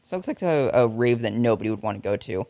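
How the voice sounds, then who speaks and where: A man's voice: medium pitch, expressive, quick pace, dark tone, no echo. Man, casual movie chat, jokey, swears, dry close mic. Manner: jokey, swears a lot, acts out silly quoted voices. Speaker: co-host watching a film.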